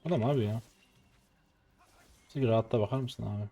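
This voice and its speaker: A man's voice: fairly low pitch, brisk, dark tone. A man in his twenties from Turkey, streaming his gameplay live and commenting in frustrated mutters and sudden outbursts. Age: 20s. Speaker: game streamer.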